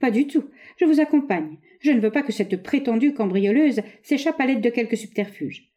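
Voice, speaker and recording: A woman reading aloud, voicing a jealous, suspicious young wife in an insistent, high, agitated voice. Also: lively intonation, normal speed, warm tone, close to an everyday voice.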